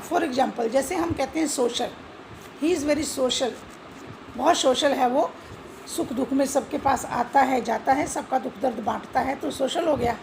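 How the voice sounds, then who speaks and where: A woman's voice: high voice, vocal fry, darkish tone, slight background noise, rough recording. A woman teaching English grammar with an Indian accent, mixing Hindi and English, spelling words out letter by letter and asking questions she answers herself. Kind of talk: classroom-style explanation.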